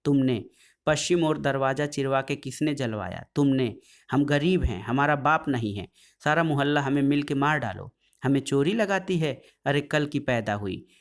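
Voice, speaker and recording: A man's voice: on the high side, animated, measured pace, pitched above the performer's own voice. A man voicing a poor, hunchbacked young woman who pleads and accuses in dialect. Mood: accusing.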